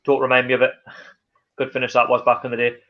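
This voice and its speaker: This Geordie man from North East England hosts a casual live stream, reading viewer comments aloud and reacting chattily with plenty of fillers. His mid-range voice is totally flat and quick, and the recording sounds muffled.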